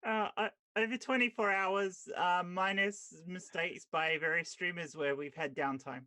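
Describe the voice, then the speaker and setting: A woman's voice: fairly low pitch, fairly even intonation, unhurried, sharp tone, no room sound. A woman with an Australian accent, chatting casually on a livestream, blunt and laughing often. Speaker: stream co-host.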